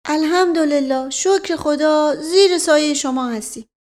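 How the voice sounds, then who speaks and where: A woman's voice: high voice, a little mellow, pitched above the performer's own voice, lightly acted. A woman voicing a flustered, ingratiating old male servant who stammers.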